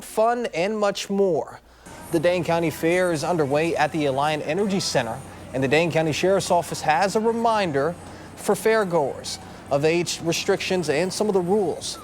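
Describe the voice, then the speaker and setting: A man's voice: sits high, a little hiss or hum. A man anchoring an evening TV newscast from a studio, upbeat, with casual asides. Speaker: news anchor. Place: TV news studio.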